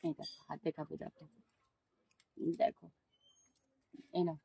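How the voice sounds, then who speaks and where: A woman chatting casually on a phone video from behind her house, talking to the animals and viewers and scolding them gently. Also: unhurried. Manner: talks to the animals and viewers, scolds gently, lowers voice to avoid neighbours. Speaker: vlogger feeding monkeys. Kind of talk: casual home vlog commentary.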